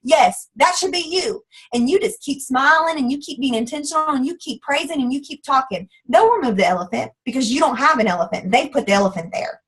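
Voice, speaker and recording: A woman from the American South, likely in her thirties, giving a loud, fast, emphatic motivational pep talk as guest speaker on a call. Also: high-pitched, lively intonation, low-quality recording.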